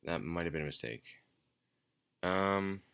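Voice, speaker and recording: A man giving casual, off-the-cuff game commentary in a quiet, low-energy, hesitant and rambling way. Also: animated, measured pace, vocal fry, clear, resonant tone. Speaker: gaming channel host. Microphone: speaking away from the mic at times.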